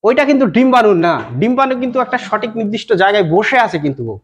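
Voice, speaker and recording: A goat farmer from West Bengal explaining breeding to an interviewer, often checking that the listener follows. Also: male voice, high-pitched, lively intonation, quick pace, breathy edge, highs cut off. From West Bengal, India. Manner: repeats "কিন্তু" and "বুঝতে পেরেছেন?" often. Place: goat farm, outdoors.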